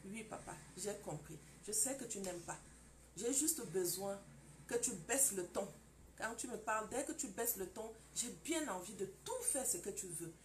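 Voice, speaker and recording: A woman acting out a wife who answers her angry husband softly and humbly. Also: mid-range voice, expressive, normal speed, a little hiss or hum, lightly acted. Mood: meek. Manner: soft, submissive, pleading. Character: meek, apologetic wife calming her husband.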